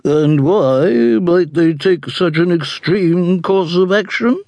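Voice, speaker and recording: A man voicing an imperious elderly aristocratic duchess who speaks slowly and haughtily. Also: a little high, a little mellow, no room sound, studio quality, voice pushed up. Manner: slow, haughty, peremptory.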